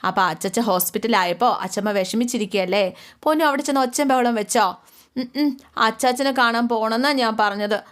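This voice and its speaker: A woman's voice: fairly high pitch, a little fast, a bit bright, lightly acted. A woman voicing a young father who patiently coaxes and soothes his small daughter. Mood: soothing.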